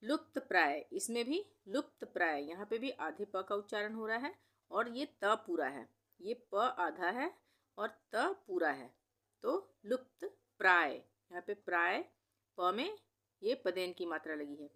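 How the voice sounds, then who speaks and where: A woman teaching Hindi spelling as a voice-over, who says each word slowly and then repeats it several times. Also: mid-range voice, very animated, pushed and bright. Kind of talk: spelling lesson.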